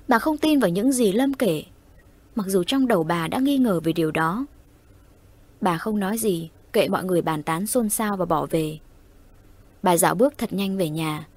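A woman narrating a ghost story in a steady storytelling voice. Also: mid-range voice, slightly rough, dry recording. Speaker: audiobook narrator.

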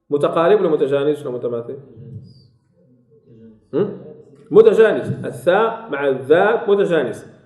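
A man with a Moroccan accent leads a classroom lesson on recitation rules, his voice pitched high for a man. He says key terms twice and keeps asking his listeners for answers. The room is echoey and roomy. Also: a little mellow. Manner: repeats key phrases and quizzes listeners. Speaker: Quran recitation teacher.

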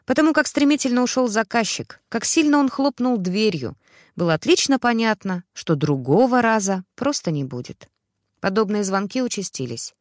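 A woman narrating a dramatic family story in a steady, expressive storytelling voice. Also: medium pitch, normal speed, no room sound, clean studio sound.

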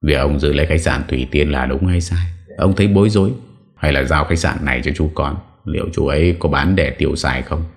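A man narrating a horror audiobook in a steady, dramatic way. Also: very deep voice, brisk. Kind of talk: scripted horror story narration.

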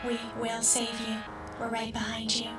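A woman voicing a calm female rescue-team voice that gives covert instructions in a flat, measured monotone. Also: fairly high pitch, lightly acted. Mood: flat instructing. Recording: echoey, distant, over loud music.

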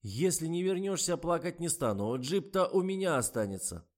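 A man's voice: on the high side, lively intonation, normal speed, voice pushed up, natural voice. A man reading an audiobook and voicing a cheerful, joking middle-aged tyre mechanic with an easygoing manner. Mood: amused. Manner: amused, easygoing.

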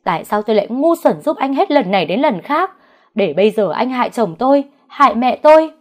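A woman voicing a grief-stricken, furious young mother who talks through tears in a high, shrill voice. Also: sing-song, fairly quick.

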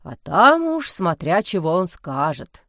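A woman voicing a stern bearded village priest, a weary middle-aged man who grumbles slowly and gravely. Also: on the low side, sing-song, fairly bright tone, dry recording, studio quality, heavily acted. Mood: resigned. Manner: gruff grumbling, slow and grave.

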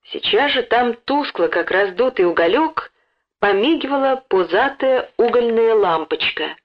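A woman narrating a story in a lively, expressive way, acting out the dialogue. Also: a little high, a little slow. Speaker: audiobook narrator. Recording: dull lo-fi recording.

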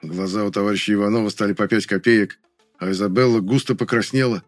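A man reading a first-person story as an audiobook narrator, in an even, dry manner. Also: on the low side, fast, soft background music.

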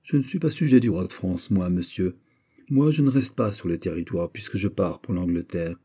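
A man voicing a proud, menacing English duke who speaks forcefully and challengingly, in a storybook reading. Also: deep voice, expressive, normal speed, husky, heavily acted.

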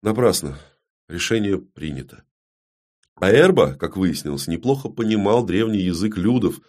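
A man narrating a dark fantasy audiobook in a measured, grave storytelling manner that often drops to a hush. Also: sits low, animated.

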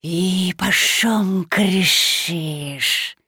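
A woman voicing a ravenous, hissing ancient forest creature that drags out its words slowly. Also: pushed and bright, husky, no echo, clean studio sound, full character voice. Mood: menacing. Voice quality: hissing, booming. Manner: slow, drawn-out words.

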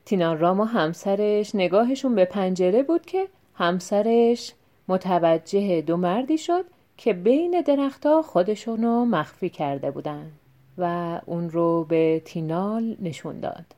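A woman calmly narrating a folk tale as an audiobook reader, in an even storytelling manner. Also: fairly low pitch.

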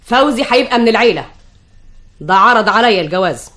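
A woman's voice: on the high side, animated, quick pace, a bit bright. An actress with an Egyptian accent playing a bossy widowed mother in an old radio drama, scolding and insistent. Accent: Egyptian Arabic.

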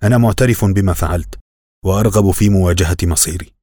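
A man voicing a weary male prisoner who speaks quietly and tiredly in an audiobook. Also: sits low, fast, no room sound, clean studio sound.

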